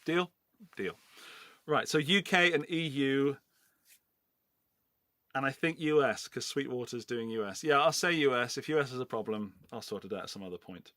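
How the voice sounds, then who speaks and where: A middle-aged host from England's Forest of Dean in Gloucestershire runs a casual livestream giveaway, chatty and rambling. His medium-pitched voice sounds pushed and bright, moving at normal speed with frequent pauses, on a dry recording.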